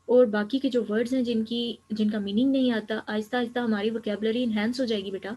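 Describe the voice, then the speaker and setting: Husky woman teaching grammar patiently. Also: fairly high pitch, fairly even intonation, dark tone, rough recording. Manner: patient, explaining step by step, mixing in English terms. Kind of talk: online grammar lecture.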